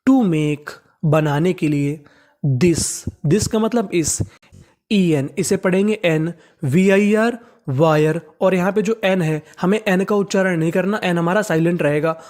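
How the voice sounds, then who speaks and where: Teacher spelling out english words letter by letter, says each one slow n repeats it, asks the learner questions as it goes. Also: mid-range voice, darkish tone. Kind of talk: step-by-step spelling and pronunciation lesson.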